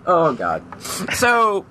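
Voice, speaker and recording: A man's voice: sits high, sharp tone, a little hiss or hum. A man hosting a casual podcast chat, rambling loosely with lots of ums and the odd swear word. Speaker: podcast host.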